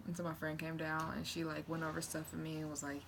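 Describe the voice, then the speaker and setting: A woman's voice: low-pitched, fast talker, vocal fry. A young woman vlogging in a casual, candid, rambling chat to camera. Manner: candid, rambling, animated retelling with acted-out quotes. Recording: noticeable background noise.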